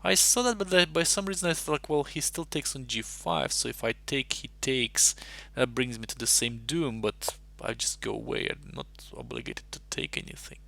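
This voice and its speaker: A Russian-born man talks in a heavily gravelly, fry-laden voice. He chats on a live stream in a loose, rambling way, thinking aloud over chess puzzles into a desk mic. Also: medium pitch, moderate pace, hardly any pauses, sharp tone. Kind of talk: casual live-stream chat.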